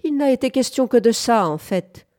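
A woman voicing a sarcastic old farmer who mumbles and mocks, a little higher and louder than her own voice. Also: animated, normal speed, lightly acted. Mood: teasing. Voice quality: mumbling, sly, caustic.

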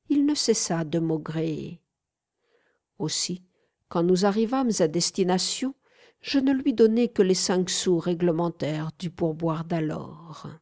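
A woman narrating an audiobook in a measured, clear reading voice. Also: lowish voice, dark tone.

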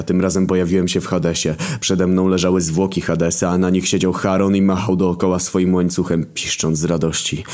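A man narrating a dark first-person story in an even, steady reading. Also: low-pitched.

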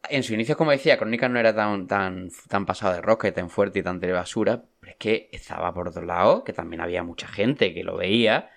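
A low-pitched man from talks in a relaxed podcast chat. He presses to make his point and keeps stumbling and restarting as he goes. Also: fast, creaky, few pauses. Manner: stumbling, eager to cut in. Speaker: podcast co-host. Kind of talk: casual chat.

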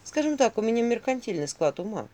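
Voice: medium pitch, very animated, fast talker, dark tone, no room sound, pitched above the performer's own voice, close to an everyday voice. A narrator voicing a sly, money-minded male forest spirit who talks in a smirking, sardonic way. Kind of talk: audiobook character voice.

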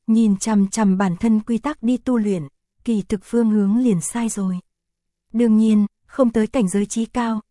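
A woman reading a fantasy novel aloud as an audiobook narrator, in a steady, even storytelling style. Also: mid-range voice, dry recording, clean studio sound. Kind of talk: scripted narration.

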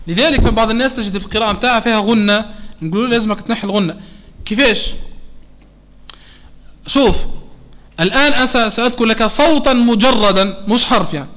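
A man with a Tunisian Arabic accent teaching a Quran recitation lesson to a class, often checking that students follow and slowing down to model sounds. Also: high-pitched, fairly bright tone, a little hiss or hum.

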